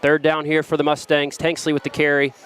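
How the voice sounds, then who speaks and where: A man calls a small-town high school football game in a slightly high voice, trading jokey, rambling asides about food with his partner. Faint outdoor stadium noise sits behind him. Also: monotone, a little fast, a bit bright. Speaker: play-by-play commentator. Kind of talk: local high school football broadcast commentary.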